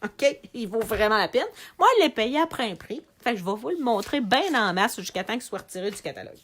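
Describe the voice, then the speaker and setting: A woman's voice: on the high side, fairly quick. A middle-aged woman with a Québécois French accent, chatting live to viewers while showing craft products for sale. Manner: chatty, animated, talks to viewers directly. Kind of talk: live video sales chat.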